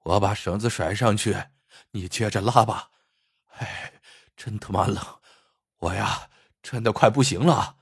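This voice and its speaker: A man voicing a once-arrogant county magistrate, now freezing in a well and stammering out pleas in a husky, low, hushed voice. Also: sing-song, moderate pace, few pauses, no echo, studio quality. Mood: pleading.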